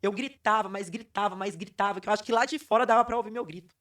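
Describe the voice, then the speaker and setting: A woman's voice: mid-range voice, fast, a bit bright, recorded from a distance. A woman tells her own story as a podcast guest. She is emphatic and keeps repeating phrases to drive them home. She sits a little away from the microphone. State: hoarse. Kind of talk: emotional personal storytelling.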